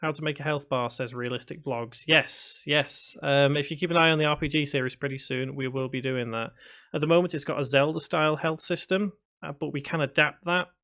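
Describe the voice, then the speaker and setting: He speaks briskly in a voice on the high side, pushed and bright, with fairly even intonation. This Liverpool man, whose Scouse accent has faded, hosts a casual livestream teaching game development, answering comments from viewers and sometimes mumbling to himself while working.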